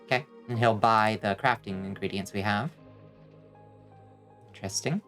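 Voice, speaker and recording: A man's voice: on the low side, moderate pace, fairly bright tone, soft background music. Man casually commentating a game stream. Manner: musing aloud to himself and viewers. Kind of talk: casual live gameplay commentary.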